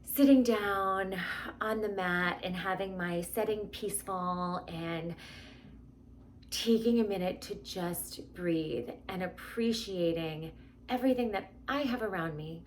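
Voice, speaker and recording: A woman's voice: medium pitch, a little hiss or hum. A woman speaking candidly and informally as she introduces a guided meditation.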